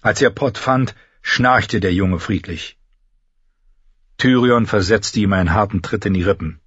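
A man's voice: on the low side, a little slow, fairly bright tone, slightly rough, no echo. A man reading fantasy fiction aloud as an audiobook narrator. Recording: dull lo-fi recording.

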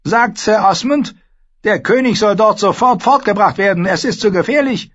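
A man's voice: high-pitched, moderate pace, a bit bright, pitched above the performer's own voice. A man voicing a cold, commanding queen who speaks sharply and scornfully, in an audiobook. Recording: slightly dull lo-fi audio.

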